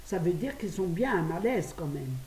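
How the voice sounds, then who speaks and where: An older woman from France chatting quickly to her phone camera at home, laughing at her own stories. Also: on the low side, lively intonation, darkish tone. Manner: fast, chatty, laughing at herself. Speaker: vlogger. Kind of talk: casual chat to camera. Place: her apartment, indoors. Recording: roomy, distant phone audio with faint hiss.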